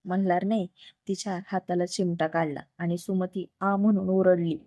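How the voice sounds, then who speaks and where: Low-voiced woman reading a story. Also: level tone, normal speed, dark tone, no echo, dull audio. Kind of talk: reading a romance story aloud.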